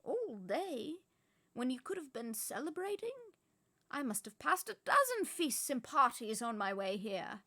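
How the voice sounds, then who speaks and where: A prim, irritable middle-aged professor, played by a woman reading aloud snaps out her words in a clipped way. Her voice sits fairly high and has a loud, sharp edge. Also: sing-song, measured pace, heavily acted. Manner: clipped and impatient.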